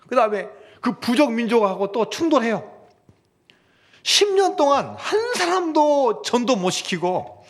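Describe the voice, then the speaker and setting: A male pastor delivers a sermon in an animated, swooping voice that climbs high and then sinks to a hush. His tone is a little husky and sits on the high side for a man. He acts out prayers and replies as he goes. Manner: animated preaching, voicing prayers and God's replies, often dropping to a hush. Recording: church sermon recording.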